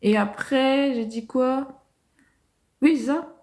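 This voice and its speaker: A woman hosting a casual livestream, answering viewers' comments calmly and hesitating with many fillers. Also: high-pitched, slow pace. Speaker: livestream host.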